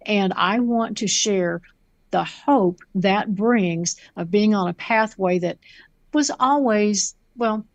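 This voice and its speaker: A woman's voice: mid-range voice, slow pace, no echo. Woman speaker, sincere and reflective, dry close mic. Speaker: conference speaker. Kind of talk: casual chat.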